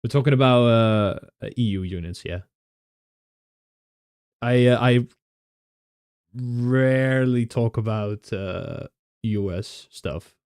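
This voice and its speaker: A man's voice: mid-range voice, a little mellow, clean tone, dry recording, studio quality. A young Dutch man with a Dutch accent, chatting casually with viewers, often laughing and restarting his sentences. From Netherlands. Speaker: streamer.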